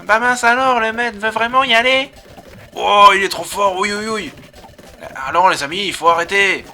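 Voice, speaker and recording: Video game voice: male let's-player as a fawning apprentice Pokémon, bright and sharp. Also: high voice, moderate pace, a little hiss or hum, voice pushed up. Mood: excited. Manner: chatty, fawning. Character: admiring guild apprentice Pokémon.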